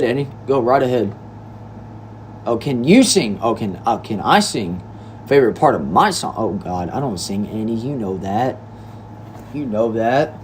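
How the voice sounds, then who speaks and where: Streaming from an indoor room, a young man of nineteen from Texas casually reads out viewer comments, easygoing and talkative, addressing people as "y'all" and "bro." He has a mid-range, slightly mellow voice, with a bit of background noise.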